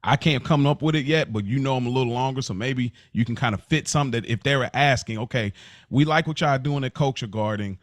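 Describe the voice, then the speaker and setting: A podcast host chats casually and inquisitively, working his way through hypothetical scenarios he poses to his guests. He talks fast in a mid-range voice, with no room sound.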